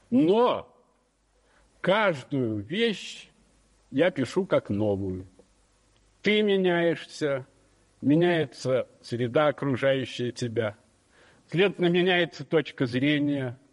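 A man of sixty giving a wry, gentle, measured speech at his own jubilee. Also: medium pitch. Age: 60s. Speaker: jubilee speaker. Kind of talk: formal public speech. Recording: old archive hall recording with reverb.

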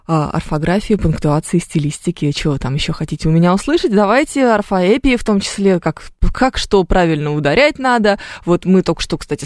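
A woman's voice: lowish voice, a little mellow, no room sound. A woman hosting a live radio call-in show in a studio, chatting and explaining things as she thinks aloud. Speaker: radio host. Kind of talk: live radio call-in chat about language. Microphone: studio mic.

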